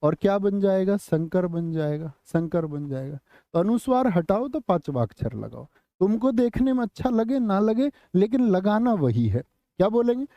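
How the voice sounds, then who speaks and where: High-voiced man drilling students fast. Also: sing-song, mellow, no echo. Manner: rapid, drilling questions to students. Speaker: teacher. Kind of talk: online exam coaching lesson. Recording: slightly muffled lo-fi audio.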